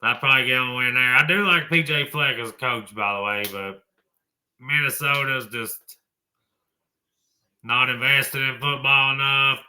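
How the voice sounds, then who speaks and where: A man's voice: mid-range voice, steady tone, unhurried, bright, forceful tone. A man hosting a college football talk show, blunt and folksy, tossing in mild swearing. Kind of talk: opinionated sports talk.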